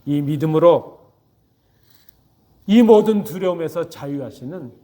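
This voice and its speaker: Male pastor, sermon, somewhat high-pitched, earnest and emphatic delivery. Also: expressive, a little slow, mellow. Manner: earnest, emphatic preaching with rhetorical questions. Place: church sanctuary.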